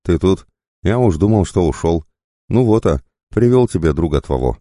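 Man playing a grinning male drunk from a tavern, fawning, pitched up, eager. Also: animated, normal speed, mellow, dry recording, studio quality.

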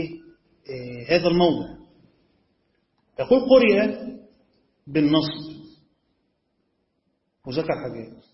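A man with an Egyptian Arabic accent teaching as a sheikh, explaining a text step by step and often checking whether his students follow. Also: on the high side. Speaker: sheikh teaching Quran commentary. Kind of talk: classroom lecture on a text. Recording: echoey room, dull lo-fi sound.

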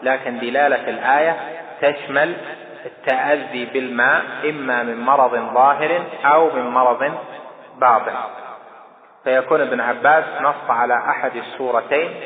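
A male scholar gives a measured, deliberate lesson with long thinking pauses. His voice comes through a thin, phone-like band with a roomy echo and long reverb, as on an old lecture tape. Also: mid-range voice, steady tone. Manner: measured, deliberate teaching with drawn-out hesitations. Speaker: Islamic scholar teaching hadith. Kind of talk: scholarly lesson explaining a hadith. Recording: tinny, echoey old lecture recording.

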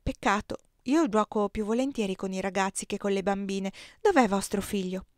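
A woman's voice: mid-range voice, moderate pace, no room sound, studio quality, natural voice. A woman reading aloud, voicing a cheeky, chatty little princess girl in a storybook reading. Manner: bright chatty child voice.

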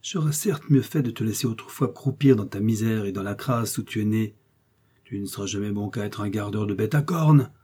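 A man's voice: on the low side, fairly quick, dark tone, husky. A man reading aloud and voicing a pompous, fussy village apothecary in an indignant rant. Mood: scornful. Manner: indignant ranting tirade, exclamatory.

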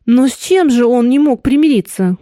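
A woman voicing a calm, cool-headed man who questions a woman in a level way. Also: on the high side, moderate pace, dry recording, studio quality, natural voice. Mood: coolly probing.

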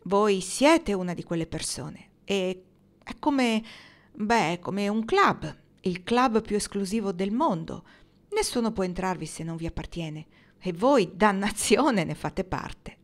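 A woman reading the part of an awkward, earnest young man confessing his feelings, speaking haltingly with pauses. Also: medium pitch, animated, close to an everyday voice. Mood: vehement.

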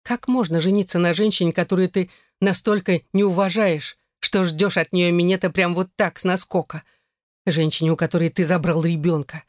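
An audiobook narrator with a mid-pitched voice reads a dramatic story. The recording is dry and close-miked, with no room sound. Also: steady tone, normal speed, dry recording.

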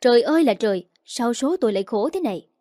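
A woman's voice: on the high side, expressive, quick pace, mellow, dry recording, clean studio sound, natural voice. A woman reading a storybook, voicing a self-pitying old mother-in-law who laments theatrically. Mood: wailing.

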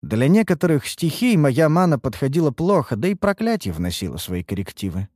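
Give me a male audiobook narrator with a mellow voice reading in a dry, close sound, expressive and wry. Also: on the high side, fairly quick, no echo. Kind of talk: first-person fantasy audiobook narration.

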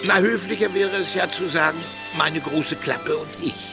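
A man's voice: on the high side, moderate pace, vocal fry. A man playing an old, boastful male bear sea captain who narrates tall tales to his grandchildren in a children's audio play. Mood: rueful. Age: older. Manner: boastful, rambling tall-tale teller. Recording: loud background music. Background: music.

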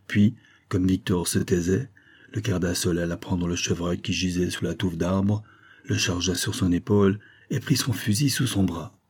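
A man narrating a classic novel as an audiobook, in a steady, measured storytelling manner. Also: sits low, breathy edge. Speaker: audiobook reader.

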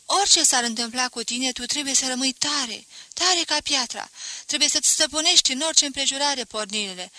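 A woman's voice: high voice, bright, forceful tone, no room sound, pitched above the performer's own voice. A woman reading aloud voices a sad but firm young woman, speaking with urgent, pleading emphasis.

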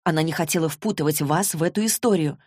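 A woman's voice: sits low, fast, a little mellow, slightly rough, dry recording, clean studio sound. A woman voicing an anxious teenage girl who speaks urgently and pleadingly. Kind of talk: audiobook character reading.

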